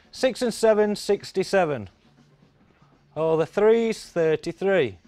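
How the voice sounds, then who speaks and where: A man's voice: high-pitched, a little mellow, dry recording. A middle-aged man calling bingo numbers on a TV show in a sing-song, repetitive patter. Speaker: bingo caller. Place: TV studio.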